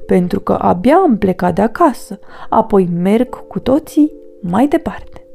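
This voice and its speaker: Woman voicing a calm, hushed father boar. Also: mid-range voice, creaky, soft background music. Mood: patient.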